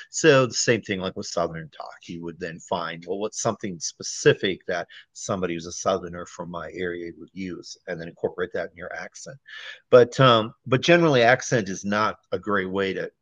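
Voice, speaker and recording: Guest editor, male, deep-voiced, relaxed explainer; dry, muffled interview audio. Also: dry recording. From Wisconsin, USA. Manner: relaxed and explanatory, tags points with "right?". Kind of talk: explaining writing craft in a conversational interview.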